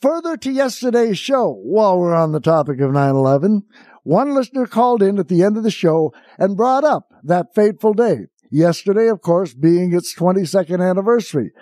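A man's voice: sits high, animated, a little fast, mellow, no echo, clean studio sound. A man hosting talk radio, delivering an exasperated, incredulous comic rant off the cuff, rambling through asides and rhetorical questions. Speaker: radio talk show host.

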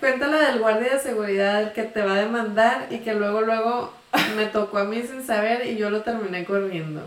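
A woman's voice: medium pitch, fairly quick, reverberant. A woman in casual chat, teasing and laughing often. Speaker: chat partner.

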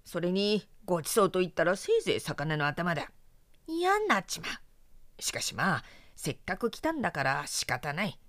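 A woman's voice: animated, fast talker, fairly bright tone, no room sound. A woman voicing a small, cheeky male mouse in a storybook reading, whiny, petulant and condescending. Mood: grumbling. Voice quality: high whiny voice.

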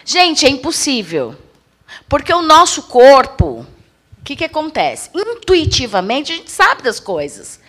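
A woman giving an animated live talk on communication, acting out examples as she goes. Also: high-pitched, a little slow. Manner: animated, acts out examples in put-on voices. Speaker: guest speaker on communication. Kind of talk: lively live-stream talk.

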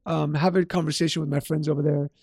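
A man's voice: on the high side, little pitch movement, quick pace, darkish tone, breathy edge, no echo, studio quality. A male podcast host talking in an upbeat, salesy way and often tagging lines with "right?". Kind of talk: casual podcast talk with ad read.

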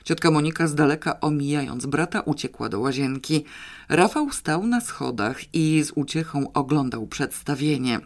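An audiobook narrator reading a children's novel with lively, even storytelling. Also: mid-range voice, normal speed.

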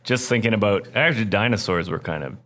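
Man, very low voice, giggly, halting, casual podcast chat. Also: a bit bright. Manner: giggly, halting, self-mocking.

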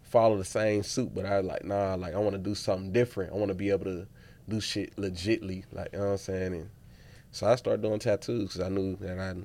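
A man's voice: low-pitched, fairly even intonation, fast, a little mellow. A man in his late twenties, from Pittsburgh and raised in Dallas, a tattoo artist talking laid-back and slangy. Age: late 20s. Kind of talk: casual chat.

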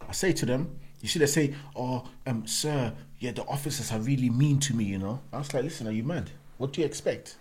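A man's voice: medium pitch, brisk, a little mellow, a little hiss or hum. A man with a London roadman accent telling stories casually in street slang, emphatic and acting out the exchanges he quotes. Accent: London, urban roadman slang. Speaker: talk show speaker who mentors prisoners.

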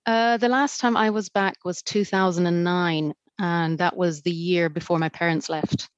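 A woman's voice: lowish voice, fairly even intonation, moderate pace, no room sound, highs cut off. A woman from Zambia, a podcast guest chatting casually with many fillers. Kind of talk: casual interview chat.

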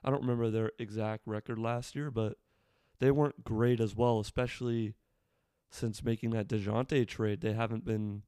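A man's voice: on the low side, steady tone, moderate pace, warm tone, clear, resonant tone, no echo, studio quality. A man with a slightly worn, weathered voice giving casual solo sports commentary, informal and thinking aloud in short bursts as a fan.

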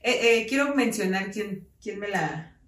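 A woman's voice: mid-range voice, unhurried, fairly bright tone, echoey room, distant mic. A Mexican woman co-hosting a podcast in casual chat, joking, laughing and using crude slang. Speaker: podcast co-host.

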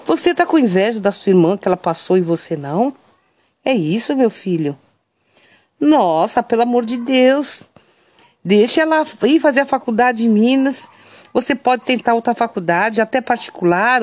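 A woman's voice: fairly high pitch, animated, normal speed, a little mellow, lightly acted. A woman voicing an indignant father who lectures his teenage son in a shocked, reproachful tone, within a spoken story.

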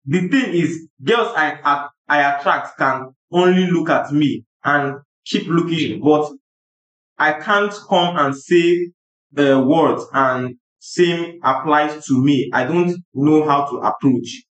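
A man's voice: a little high, slow pace, fairly bright tone. A man hosting a casual group chat, often repeating and rephrasing himself. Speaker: host reading anonymous messages. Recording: echoey room.

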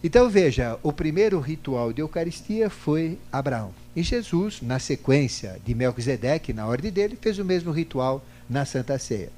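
An older man teaching a spiritual class, animated, asking rhetorical questions and acting out both sides of a past argument. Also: fairly high pitch, normal speed, hardly any pauses. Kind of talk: lecture to a class. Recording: faint hum, digitized from CD.

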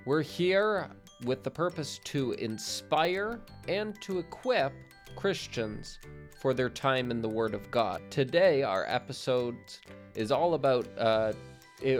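A young man hosts a faith podcast, talking earnestly and casually with frequent fillers and restarted sentences. His mid-range voice is expressive and measured, with soft music in the background.

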